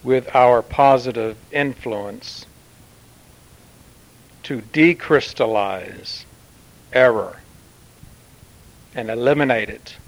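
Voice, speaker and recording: Guy channeling a solemn martian commander, super slow and formal, lots of pauses. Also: medium pitch, rough recording. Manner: formal, measured pronouncements with long pauses. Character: solemn male Martian commander addressing Earth. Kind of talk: channeled spiritual message.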